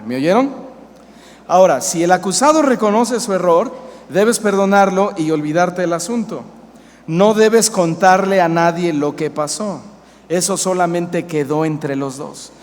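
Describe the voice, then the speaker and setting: Un pastor mexicano de mediana edad predicando con énfasis y haciendo preguntas a la congregación. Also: male voice, sits high. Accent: Mexican Spanish. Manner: emphatic, asks the congregation questions. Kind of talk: sermon. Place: church hall. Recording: reverberant church hall, faint hiss.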